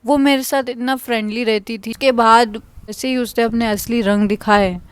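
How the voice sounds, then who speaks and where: A woman's voice: on the high side, steady tone, smooth, no echo. A young woman telling an unscripted, frustrated storytime about her old office job and venting as she goes. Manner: frustrated, venting, quick to quote others. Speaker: vlogger.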